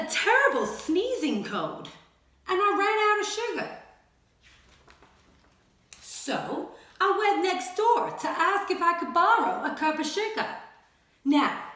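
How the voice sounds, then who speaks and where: A woman's voice: high-pitched, pushed and bright, exaggerated voice. A woman voicing a male storybook wolf who tells his side in a folksy, mock-innocent, confiding way for children. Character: chatty, self-justifying male wolf telling his side. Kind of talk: animated storybook read-aloud for children. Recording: echoey, reverberant room.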